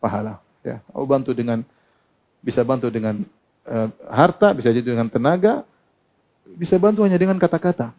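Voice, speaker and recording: A middle-aged Islamic preacher delivers a sermon, quoting and translating Arabic texts, often posing questions to the audience and answering them himself. He laughs frequently between points, speaking a little fast in a mid-range, slightly mellow voice with long pauses.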